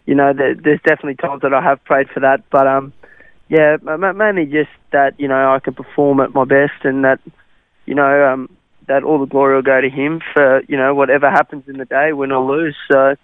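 Over a tinny, phone-like radio line, a young cricketer from South Africa, Afrikaans-speaking first with an Australian accent, stumbles through interview answers with lots of fillers. His mid-range voice is smooth, flat, and brisk, with no room sound.

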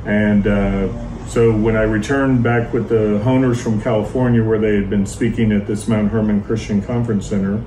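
A man from Dallas, Texas, a pastor telling his life story in an interview with measured, steady storytelling. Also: on the low side. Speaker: pastor, guest. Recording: echoey, distant mic, faint noise.

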